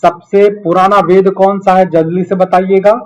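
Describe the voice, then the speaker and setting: A man with a moderately high-pitched voice teaches an online class. He talks conversationally and explains step by step, as one would to children. He is encouraging and keeps adding little tags to check that his students follow. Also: little pitch movement, moderate pace, a little mellow. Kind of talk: live quiz lesson with students, conversational teaching.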